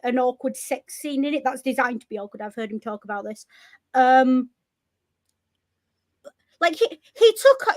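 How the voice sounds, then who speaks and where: A woman's voice: high-pitched, dry recording, studio quality. A woman co-hosting a podcast, giving blunt, opinionated commentary in casual chat. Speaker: podcast co-host.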